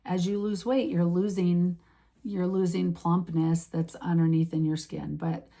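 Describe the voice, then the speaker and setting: A woman in her late fifties talks casually to the camera, wandering through her thoughts with frequent fillers and self-corrections. Her voice sits low and sounds mellow and relaxed. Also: a little slow, creaky. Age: 50s. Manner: rambling, many restarts and fillers. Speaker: vlogger.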